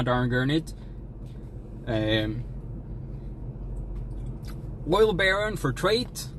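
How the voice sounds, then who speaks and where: A man's voice: fairly high pitch, slight background noise, rough recording. A young man livestreaming, chatting casually while eating, in a jokey, folksy put-on American drawl. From Sweden. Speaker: streamer.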